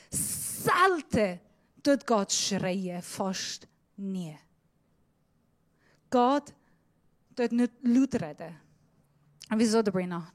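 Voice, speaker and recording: Slow, dramatic, higher-voiced woman preaching. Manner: dramatic, shifting between loud emphasis and hushed near-whisper; slips in Swiss German words. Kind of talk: sermon.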